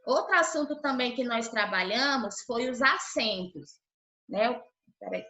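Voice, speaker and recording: A woman's voice: a little high, animated, a little slow, sharp tone, slight background noise. A Brazilian woman teacher giving an online class to young children, patiently sounding out syllables and checking in often. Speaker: primary school teacher. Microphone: video call. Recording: roomy, dull lo-fi call audio.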